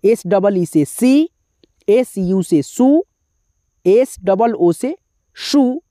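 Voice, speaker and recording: Woman, spelling teacher, slow and patient, letter-by-letter drills, dark mellow voice, dry close sound. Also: mid-range voice, animated, no room sound. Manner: drills syllables letter by letter, adds brief explanations.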